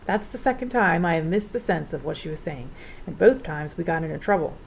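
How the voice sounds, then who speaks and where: A woman voicing a fussy, flustered old male professor in a storybook reading, with excitable old-fashioned exclamations. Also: fairly low pitch, brisk, creaky, a little hiss or hum, low-quality recording.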